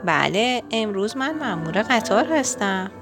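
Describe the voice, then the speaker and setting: A woman reading as brisk farm mother Mrs. Boot. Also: medium pitch, big pitch swings, music in the background.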